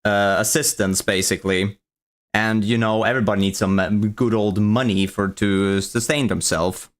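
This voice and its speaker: A man's voice: on the low side, steady tone, normal speed. A man running a tabletop game as dungeon master, narrating the scene in a rambling way, restarting his sentences and swearing casually on a voice call. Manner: rambling, profane, restarts often while narrating.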